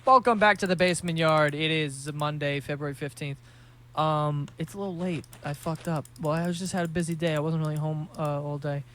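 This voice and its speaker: A man's voice: on the high side, steady tone, fairly quick, a bit bright. A young man hosting a podcast, telling rambling, profane, jokey stories in a casual monologue. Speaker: podcast host.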